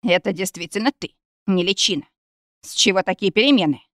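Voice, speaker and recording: A woman voicing a composed male lord who speaks to his lover in a measured, patient way. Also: medium pitch, fairly bright tone, no room sound, studio quality, close to an everyday voice. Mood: puzzled.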